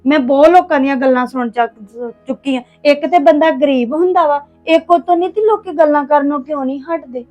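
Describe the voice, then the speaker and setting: A woman's voice: high voice, fairly quick, hardly any pauses, lo-fi sound, faint music behind, lightly acted. A young woman playing a girl from a poor home in an amateur family drama, earnest and pleading. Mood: hurt.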